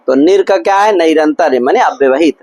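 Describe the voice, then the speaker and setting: High-voiced man drilling a grammar class. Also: a little fast, a little mellow, dry recording, rough recording. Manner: constant call-and-response questions to students; repetitive, drilling explanations. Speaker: Sanskrit grammar teacher. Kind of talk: classroom lecture. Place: gurukul classroom.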